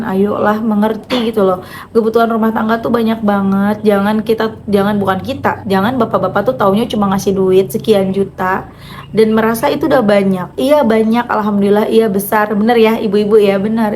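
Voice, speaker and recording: A woman from North talks straight to her viewers. Her speech is loud, quick and blunt, and it sits at an ordinary middle pitch. Faint ambient hiss is heard behind her. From North Jakarta, Indonesia. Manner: loud, fast, blunt way of talking. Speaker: vlogger and author. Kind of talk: casual chat to viewers.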